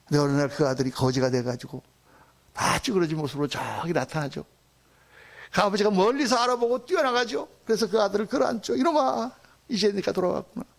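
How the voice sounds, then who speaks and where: A male pastor delivers a sermon with a high, gravelly voice. He preaches emphatically, speaks straight to the congregation, and slips into voices for the characters he quotes. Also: a little fast. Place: church sanctuary.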